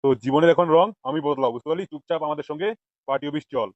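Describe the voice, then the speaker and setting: A man voicing a vengeful male politician in a comic cartoon, spitting out rapid threats at his captive. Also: fairly high pitch, dry recording, lo-fi sound. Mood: menacing.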